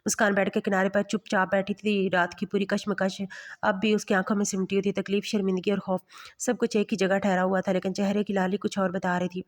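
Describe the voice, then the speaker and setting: A woman storyteller reads a bedtime romance story aloud. Her delivery stays level and flat, with little rise and fall. The pitch sits in a middle range.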